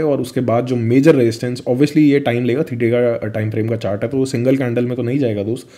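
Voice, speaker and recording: A young man with a mellow, medium-pitched voice chats casually in Hinglish as he screen-shares crypto charts in his vlog. He calls the listener his friend and uses plenty of fillers.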